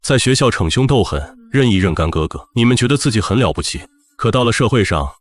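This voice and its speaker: A man voicing a reformed gang boss and father who speaks calmly and sternly. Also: mid-range voice, natural voice. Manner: calm, measured.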